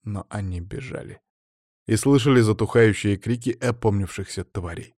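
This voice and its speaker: A man giving a measured scripted narration of an audiobook. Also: on the low side, darkish tone, dry recording, studio quality. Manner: measured storytelling.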